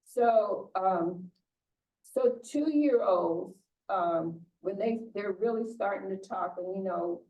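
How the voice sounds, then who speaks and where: A woman's voice: medium pitch, slow, dark tone. An older woman pastor giving an informal, conversational sermon, often restarting and repeating words. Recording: distant muffled church recording.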